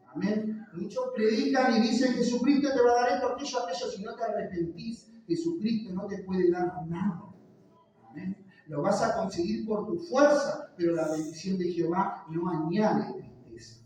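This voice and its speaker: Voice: mid-range voice, mellow. An impassioned preacher with a Rioplatense Spanish accent delivers a sermon, acting out the voices being quoted. The voice rings through a very reverberant church and is picked up from far off the mic. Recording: very echoey church hall, voice from far off.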